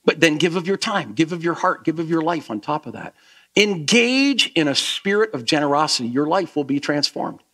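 A male pastor giving a lively sermon to his church, then leading a soft closing prayer. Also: on the high side, normal speed. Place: church sanctuary.

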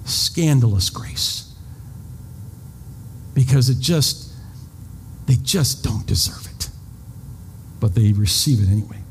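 A man's voice: medium pitch, expressive, slow, long pauses. A pastor in his fifties giving a sermon in a conversational way, often repeating words and making self-deprecating asides. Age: 50s. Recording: long reverb, faint background noise.

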